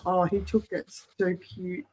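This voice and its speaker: A man's voice: high-pitched, level tone, slow, a little mellow, breathy edge. A man chatting casually, with some noise behind the voice. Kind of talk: casual chat. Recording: background noise and ambience.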